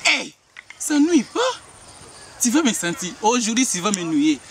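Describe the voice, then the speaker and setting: Man playing a boastful, excitable ex-professor. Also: high voice, moderate pace. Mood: excited. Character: boastful former university teacher. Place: outdoors. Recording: loud outdoor background noise.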